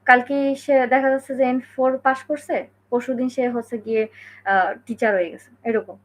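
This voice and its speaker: Her voice sitting high and moving a little fast, a Bangladeshi woman delivers an informal explanatory lesson. She talks conversationally, using lots of fillers and checking in with the listener often.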